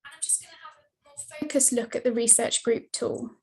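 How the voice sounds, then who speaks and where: A woman giving a steady, scripted slide presentation over a video call, her mic cutting in and out. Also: a little high, a little fast, husky. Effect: video call audio, mic cutting in and out. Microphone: computer mic on a video call.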